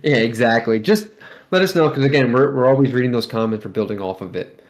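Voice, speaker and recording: A man's voice: medium pitch, fast. A man chats casually as a podcast co-host in a mid-range voice. He talks in slang and leans into exclamations, keeping it loose and conversational. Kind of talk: casual chat.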